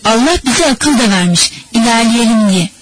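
A man's voice: extremely high pitch, expressive, normal speed, fairly bright tone, a little hiss or hum, rough recording. A woman reading the lines of a stern, practical man who scolds his friend in an audiobook. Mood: reproachful.

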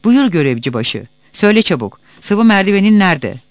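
A man's voice: high voice, very animated, a little fast, dry recording, pitched above the performer's own voice. A man voicing a bossy, bullying middle-aged village headman who barks orders. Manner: loud, bullying.

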